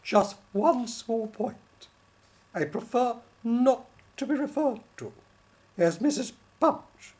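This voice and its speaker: The interviewer voicing an indignant, haughty female puppet wife with a shrill voice in a comic mock interview. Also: expressive, slow, darkish tone, slightly rough.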